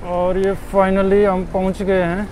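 A chatty young man hosts a walking-tour vlog through a busy street market, speaking into a clip-on lapel mic. His voice sits high and stays fairly flat in tone. Faint street noise runs underneath. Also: measured pace, rough recording. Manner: chatty, points things out to viewers. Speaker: vlogger.

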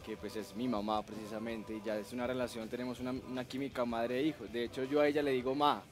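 A man's voice: medium pitch, little pitch movement, fast. A young man, an actor chatting playfully as a guest on a TV show. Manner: laughing, playful storytelling. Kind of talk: casual TV interview chat. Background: music.

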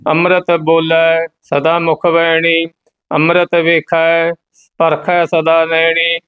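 A man teaching scripture recitation, reading verse line by line at an even pace and stopping now and then to explain where to pause. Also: on the high side, clean tone, rough recording. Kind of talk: slow measured scripture recitation with pronunciation notes.

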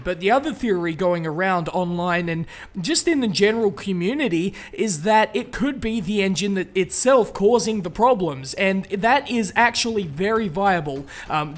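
A young man from Australia hosting a casual gaming Q&A vlog, chatty and upbeat with lots of fillers and restarts. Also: high-pitched. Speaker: gaming YouTuber answering viewer questions.

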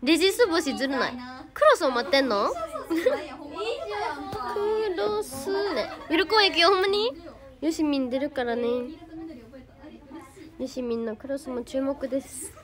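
A woman's voice: high-pitched, lively intonation, a little slow, pauses often. A teenage girl from Hyogo with a Kansai accent, chatting casually on a livestream, reading out viewer comments and thanking fans by name. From Hyogo, Japan. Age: teens. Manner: bubbly, thanks viewers by name, refers to herself by name. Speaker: idol livestreamer.

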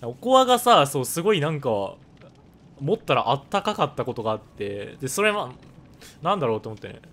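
A man with a hoarse voice, chatting casually while live-streaming a game and thanking viewers for donations. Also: mid-range voice, very animated, brisk, a bit bright.

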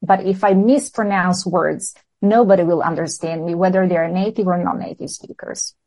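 A woman with a Serbian accent who is a language teacher. She speaks English as her second language and explains her ideas in an earnest, measured way. She sounds like a guest answering questions in a podcast interview. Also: on the low side, fairly even intonation, warm tone, poor audio.

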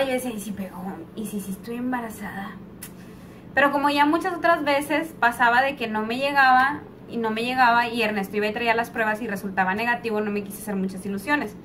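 In a casual story-time vlog, a young woman with a Mexican accent tells a rambling, chatty story full of fillers. Her voice is a little high and a bit bright, picked up on a slightly distant mic with a little hiss or hum.

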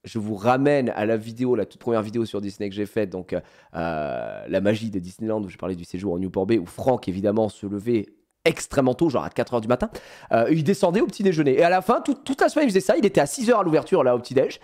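A man telling his viewers a holiday story in a casual, animated way, with lots of fillers. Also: lowish voice, fast talker. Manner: animated, many fillers, addresses viewers directly.

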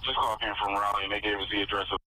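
A man's voice: on the low side, steady tone, very fast. A man speaking clipped, businesslike police radio traffic as an emergency responder over a two-way radio. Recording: noisy police radio transmission.

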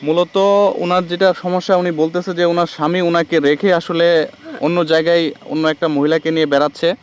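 A man speaks quickly with a fairly high voice, pressing with repeated questions and then explaining the scene to the camera. He is recording at a roadside near a rail crossing, with faint road noise behind him. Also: flat delivery. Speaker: vlogger. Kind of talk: street vlog conversation.

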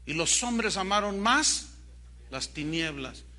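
A Mexican pastor with a Mexican Spanish accent preaching a sermon, swinging from loud questions to hushed asides. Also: male voice, high voice, animated, slow pace.

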